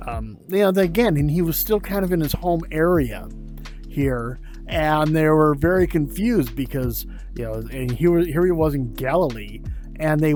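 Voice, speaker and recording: A man with a somewhat high voice reads a scripture passage and then comments on it in a loose, unscripted way. His talk is halting, full of restarts and filler phrases. Soft music plays faintly behind him. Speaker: Bible reader and commentator.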